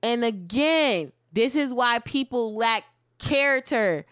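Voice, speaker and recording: A woman's voice: on the high side, lively intonation, takes it slowly, a bit bright, smooth, no echo. A woman co-hosting a casual podcast, blunt and opinionated, swearing freely into a close mic. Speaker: podcast co-host.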